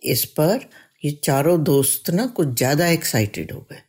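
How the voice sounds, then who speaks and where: A woman's voice: low voice, lively intonation, a little slow, husky. A woman telling a children's story in a chatty way, often asking the listener questions. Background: soft guitar music.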